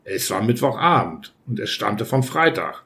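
A man narrating an audiobook in the first person, reading in a measured, even way. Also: lowish voice, creaky. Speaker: audiobook reader.

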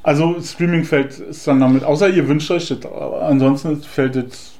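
A man's voice: on the high side, steady tone, moderate pace, a little mellow, a little hiss or hum. A man, co-hosting a casual podcast chat, joking, rambling and often laughing. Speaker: podcast co-host.

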